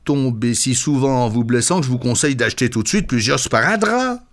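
A man's voice: medium pitch, expressive, brisk, fairly bright tone, lightly acted. A man voicing a know-it-all pharmacist in a smug, lecturing tone.

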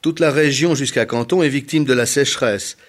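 A man's voice: medium pitch, a little fast, voice pushed up, natural voice. A man voicing a sensible, worried male heron in a storybook tale, speaking earnestly and in warning. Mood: urgent. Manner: earnest, cautioning.

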